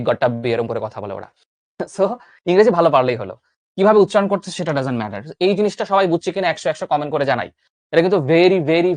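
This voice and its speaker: Young tutor, coaxing and dry. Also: male voice, a little high, dry recording. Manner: lively, coaxing, asks and answers own questions. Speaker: admission exam tutor. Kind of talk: online grammar lesson.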